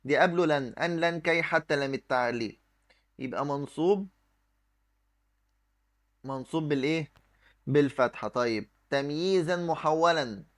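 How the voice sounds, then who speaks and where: Egyptian man, Arabic teacher, exam review lesson, asks and answers his own questions, fairly high voice. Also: normal speed, long pauses. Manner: writes on the screen as he talks.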